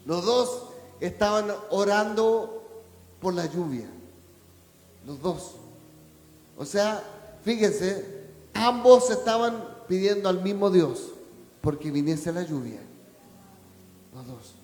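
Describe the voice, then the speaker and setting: A male pastor preaching a sermon in a high voice, peppering the congregation with rhetorical questions and building to shouts. The sound is roomy, with a long church-hall reverb trailing each phrase. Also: animated, slow, long pauses. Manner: preaching, rising to a shout at climaxes.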